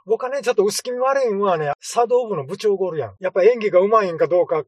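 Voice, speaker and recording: A man co-hosting a casual movie review chat, making soft, mumbled comments. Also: sits high, animated, quick pace, dry recording. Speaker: podcast co-host.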